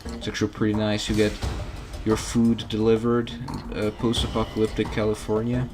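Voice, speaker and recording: A man's voice: fairly low pitch, monotone, normal speed, over music. A man giving casual gaming commentary as a streamer, talking to viewers while he plays. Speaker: game streamer.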